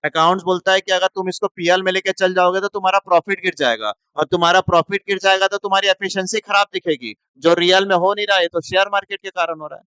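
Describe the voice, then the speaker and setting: A man's voice: sits high, fairly even intonation, fast talker, few pauses, pushed and bright, clean tone, no room sound. A man teaching commerce in a lecture, firing questions at the class and answering them himself.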